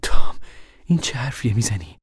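A man's voice: mid-range voice, expressive, a little mellow, slightly rough, no room sound, studio quality, voice pushed up. A man voicing the anxious mother of a poor family, giving urgent orders to her children. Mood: shocked.

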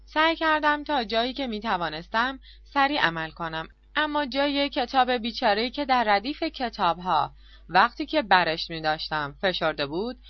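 A woman's voice: mid-range voice, no echo, highs cut off. Woman narrating an audiobook expressively. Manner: expressive, confessional storytelling. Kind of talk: first-person audiobook narration.

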